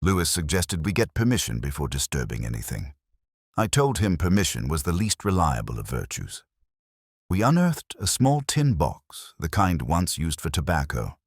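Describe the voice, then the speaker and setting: A melancholy, world-weary investigator narrates a literary first-person detective drama, his delivery measured, brooding and solemn. His voice is extremely low, husky and sing-song. The studio-quality recording has no room sound.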